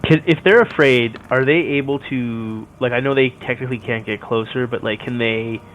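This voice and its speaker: A man's voice: medium pitch, normal speed, fairly bright tone, slight background noise. A man playing a tabletop game, casually talking through what his character does, on a slightly dull voice channel. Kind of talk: casual chat, describing character's actions.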